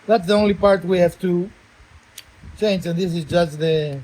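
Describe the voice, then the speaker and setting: Man, high-pitched, informal DIY demonstrator, joking and checking in often, phone video with faint noise. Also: normal speed, darkish tone, low-quality recording. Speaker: co-host demonstrating a DIY repair. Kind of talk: casual how-to chat.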